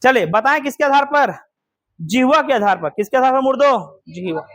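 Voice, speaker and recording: A man's voice: extremely high pitch, lively intonation, moderate pace, a bit bright. A man teaching a grammar lesson to a class, quizzing students with repeated questions.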